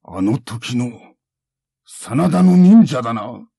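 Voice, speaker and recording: Man doing a hotheaded samurai, gruff and barking, voice leaping all over, husky. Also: lowish voice, animated, slow, dry recording, studio quality, exaggerated voice. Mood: furious. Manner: gruff, barking, explosive shouts. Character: proud, hot-tempered samurai man, middle-aged.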